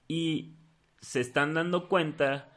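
A man's voice: on the high side, fairly even intonation, slow, fairly bright tone. A man co-hosting a podcast in casual chat, with a hesitant way of talking full of fillers and restarts. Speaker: podcast co-host.

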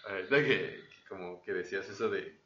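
A man's voice: deep voice, flat delivery, fast talker, a bit bright. A man co-hosting a casual podcast, joking and slangy. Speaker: podcast co-host. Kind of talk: casual banter. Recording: dull, roomy podcast audio.

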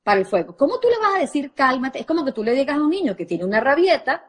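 A woman's voice: high voice, very animated, fast. A woman parenting coach, speaking expressively and directly to a live audience.

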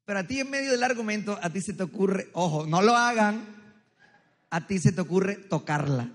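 A man preaches to a crowd, his loud, strong, high-pitched voice carrying through a big hall with long reverb. He jokes, tells stories and keeps asking the congregation for a show of hands. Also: expressive, normal speed. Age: adult, married. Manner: joking, storytelling, quizzing the crowd. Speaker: pastor. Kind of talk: humorous sermon with audience interaction. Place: large church hall with tiered seating.

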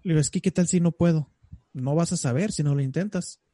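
A young man with a Mexican accent, co-hosting a casual chat, telling stories in a lively way with playful voices. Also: on the high side, a little fast, no room sound. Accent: Mexican Spanish. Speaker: co-host.

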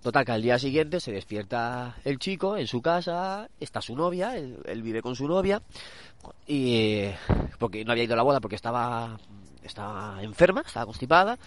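A man's voice: mid-range voice, very animated, normal speed. A man with a Castilian Spanish accent hosting a casual podcast in a nasal voice, stuffed up with a cold, rambling and correcting himself as he chats. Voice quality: nasal, congested voice. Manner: rambling, hesitant, self-correcting. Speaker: podcast host. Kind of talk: casual chatty podcast recommendation. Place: out walking a dog.

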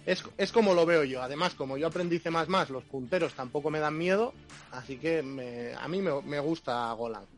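Chatty man, slightly high voice. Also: moderate pace, soft background music. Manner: chatty, opinionated, playful. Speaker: podcast co-host. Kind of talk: casual tech chat.

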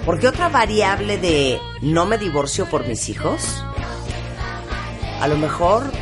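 A woman hosting a radio interview, briskly prompting her guest. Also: on the low side, sing-song, music in the background. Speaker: radio host.

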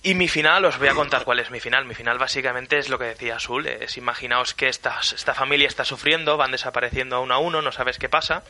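Very bright-toned man. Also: medium pitch, fast, hardly any pauses. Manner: animated storyteller, jokey. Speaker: podcast co-host. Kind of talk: casual film-review chat.

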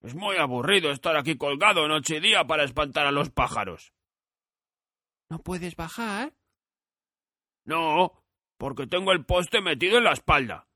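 A man voicing a raspy, earnest straw scarecrow. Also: on the high side, animated, moderate pace, long pauses, sharp tone, dry recording, clean studio sound, voice pushed up. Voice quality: hoarse, raspy. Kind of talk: audiobook character voice.

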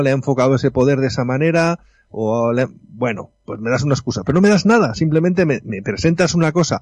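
A man in a casual film discussion, talking in an animated, indignant, informal way. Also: mid-range voice, no room sound, lo-fi sound. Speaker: film commentator.

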